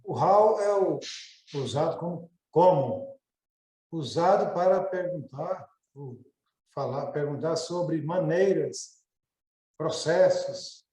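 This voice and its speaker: A man's voice: fairly high pitch, animated, takes it slowly, mellow, roomy sound, low-quality recording. A man from Brazil helping teach a class, explaining grammar with a hesitant, searching delivery.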